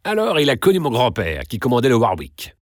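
A man reading aloud and voicing a stiff older aristocratic count who is ceremonious and quick to flare up. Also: mid-range voice, wildly swooping pitch, dry recording, clean studio sound, pitched above the performer's own voice. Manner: ceremonious, bursts out sharply.

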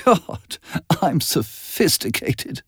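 Audiobook: male reader doing a high, lilting, cynical young rich woman; breathless and mocking, dry studio. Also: big pitch swings, normal speed, a little mellow, no room sound. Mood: wistful. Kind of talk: audiobook character voice.

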